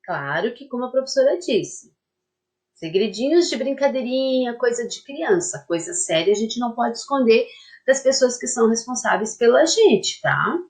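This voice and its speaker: At a moderate pace and with a slightly high, darkish, expressive voice, a primary school teacher gives a lesson to young children. She dictates a word syllable by syllable with patience, checking in with "tá?" again and again and using many diminutives.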